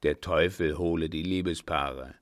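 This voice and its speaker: A man voicing a scheming army captain in a spoken storybook, talking tense and hushed. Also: very deep voice, measured pace, pitched below the performer's own voice.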